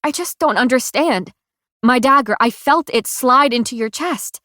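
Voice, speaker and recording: A woman's voice: sits high, normal speed, fairly bright tone, no echo, studio quality, voice pushed up. Woman voicing a tearful young woman fighter. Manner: cracked, tearful, emphatic.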